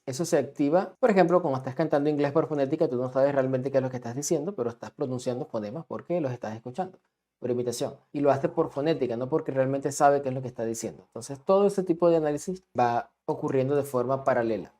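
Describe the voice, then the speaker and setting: A man teaching music with a dark, mellow voice. He explains things patiently and keeps checking that his students follow along. He sketches on a diagram as he talks. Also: mid-range voice, quick pace. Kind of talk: explanatory lesson, drawing on a diagram.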